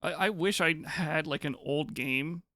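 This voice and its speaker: A man's voice: fairly high pitch, unhurried, sharp tone, no echo, studio quality. A man streaming live, chatting casually with viewers in a rambling, hesitant way, often restarting his sentences. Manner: reads and answers chat messages.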